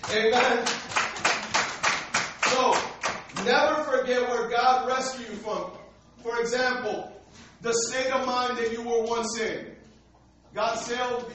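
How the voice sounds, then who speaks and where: A man's voice: extremely high pitch, fairly bright tone. An American man preaching a sermon to a congregation in a streetwise, colloquial way, with rhetorical questions and calls for response. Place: large echoey indoor room, church service. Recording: echoey hall, distant dull mic, faint noise.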